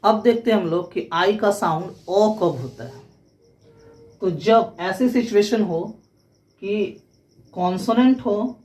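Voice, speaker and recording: A woman's voice: on the low side, darkish tone. A woman teaching English pronunciation, explaining rules step by step and spelling words out letter by letter.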